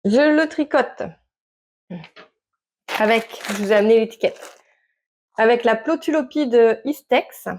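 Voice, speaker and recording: A woman's voice: on the high side, a little slow, pauses often, darkish tone. A woman chatting casually to camera about her knitting, hesitant with many fillers and restarts. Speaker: knitting vlogger. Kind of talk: casual show-and-tell chat to camera.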